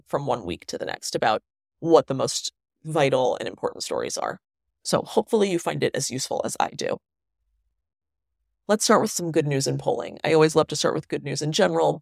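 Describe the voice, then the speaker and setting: A woman hosting a solo news commentary show, speaking in an earnest, emphatic way and stressing points by repeating words, on low-quality audio made without her usual microphone in a family home. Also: creaky, no room sound, clean studio sound. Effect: low-quality audio recorded without her usual microphone. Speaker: podcast host and newsletter writer.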